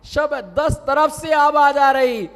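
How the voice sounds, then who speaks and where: Slow high-voiced preaching man, hall echo. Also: fairly bright tone. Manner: slow, drawn-out preaching with repeated exclamations; calls on the audience to repeat lines. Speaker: Jain monk preaching. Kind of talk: sermon. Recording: long hall reverb.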